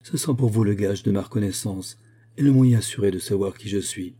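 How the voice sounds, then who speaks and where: A man reading the part of a graceful young noble lady, speaking gently and with emotion. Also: on the low side, fairly quick, lightly acted. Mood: gently embarrassed.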